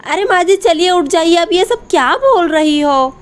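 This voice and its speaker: A kind young village daughter-in-law, as a woman plays her in a doll story. Her voice is high, and she talks in a gentle, reassuring way. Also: animated, normal speed. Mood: caring.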